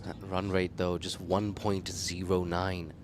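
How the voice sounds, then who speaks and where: A man commentating live on a cricket match, losing his voice and jumping up in pitch and volume whenever a wicket falls. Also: little pitch movement, measured pace, background noise. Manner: rises sharply in pitch and volume on wickets and appeals.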